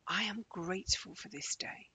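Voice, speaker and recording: A man leading a guided morning meditation in a slow, gentle, calming way, often dropping close to a whisper. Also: sits high, creaky, slightly rough, no echo.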